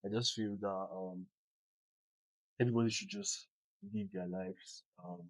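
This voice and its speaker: A man's voice: on the low side, big pitch swings, a little slow, no echo, low-quality recording. A young Nigerian man with a Nigerian accent, talking as an interview guest in a hesitant way, full of ums and restarts. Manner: hesitant, many ums and repeated words. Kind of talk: casual interview chat.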